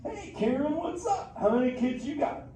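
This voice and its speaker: A man's voice: very high-pitched, lively intonation, normal speed, dark tone. A man voicing a laid-back male sea turtle who talks in a slangy surfer drawl, chatting live with a theater audience. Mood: stoked. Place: indoor theater show. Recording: echoey theater, distant, noisy.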